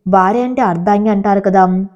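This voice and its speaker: A woman voicing a calm, gently firm young village wife, with a dark, mellow voice. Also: medium pitch, a little fast, lo-fi sound, natural voice.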